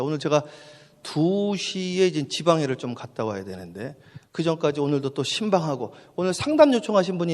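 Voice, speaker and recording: A man preaching at a dawn church service as pastor, emphatic, repeating his phrases and swinging from quiet talk to shouting. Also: fairly high pitch, big-room sound. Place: church sanctuary.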